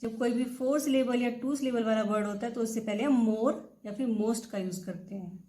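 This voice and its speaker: A woman teaching grammar. She reads examples slowly, translates them, and answers her own rhetorical questions. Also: on the high side, dark tone, rough recording. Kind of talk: bilingual classroom explanation.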